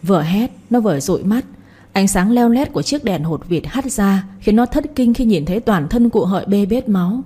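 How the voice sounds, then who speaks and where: A woman narrating a novel in a steady storytelling voice. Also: mid-range voice, moderate pace, slightly rough.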